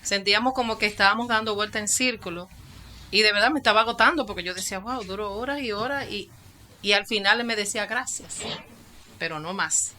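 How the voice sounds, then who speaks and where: A woman with a Dominican accent tells her story in an interview, her voice bright and forward. She is a pastor and psychologist, and she acts out each quoted exchange as she goes. Her pitch sits in an ordinary middle range. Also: fairly quick. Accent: Dominican Spanish. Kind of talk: testimony in an interview.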